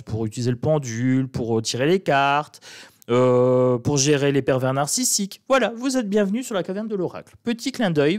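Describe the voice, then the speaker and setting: A man's voice: on the high side, darkish tone. A man with a northern French accent doing a casual, irreverent tarot reading to camera and mocking as he talks. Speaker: tarot card reader.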